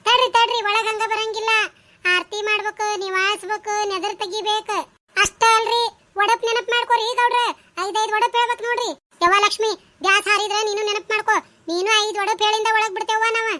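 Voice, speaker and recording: Casting: gossipy village aunties, North Karnataka Kannada, very high, bright and rapid. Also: female voice, flat delivery. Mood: teasing. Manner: bossy, teasing, gossipy. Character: chatty, teasing village women at a wedding. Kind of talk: cartoon voice acting.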